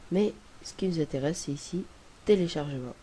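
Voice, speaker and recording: This young guy has a cold and narrates a casual screen-recording tutorial in a slightly high, mellow voice at a brisk clip. His delivery rambles and hesitates, with plenty of fillers and restarts, over the faint hiss of a home recording.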